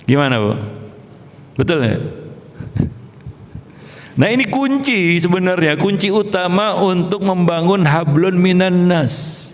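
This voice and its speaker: Guy preaching to the ladies at the mosque, bit high voice, chatty, keeps asking them stuff, big hall echo. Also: takes it slowly, pauses often. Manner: conversational, asks the audience questions; lively, jokes and laughs with the audience. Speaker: Islamic preacher. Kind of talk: mosque study sermon to women.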